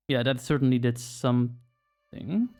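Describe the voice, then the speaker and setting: Casual man thinking aloud at mid pitch. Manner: relaxed, rambling, thinks aloud with many fillers. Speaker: screen reader user presenting a tutorial. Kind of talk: casual walkthrough narration.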